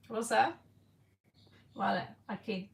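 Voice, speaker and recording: A slightly tired woman giving an informal card reading in halting, Spanish, searching for words. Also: on the high side, creaky, warm tone. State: a little tired. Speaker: tarot card reader. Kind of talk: casual, informal one-on-one reading. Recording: distant mic with faint background noise.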